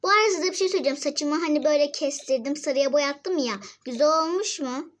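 A woman's voice: high-pitched, quick pace, lightly acted. A girl voicing a busy young mother in a doll-game role-play, fussing at her kids and nagging about chores. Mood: scolding. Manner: scolding, fussing.

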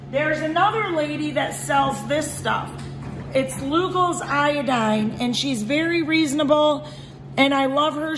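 A woman in her forties, a shop owner, chatting enthusiastically about products at her market stall, filmed on a phone. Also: high voice. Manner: chatty, enthusiastic, keeps saying okay guys. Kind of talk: product demo vlog. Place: indoor market stall with shelves. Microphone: handheld phone camera. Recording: echoey market hall with background noise.

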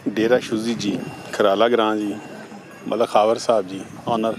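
A man's voice: fairly low pitch, flat delivery, a little slow. Man admiring cattle outdoors. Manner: repeats short admiring exclamations. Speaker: videographer showing cattle for sale. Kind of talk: casual on-site commentary. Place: outdoor cattle farm yard. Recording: noisy outdoor farm recording.

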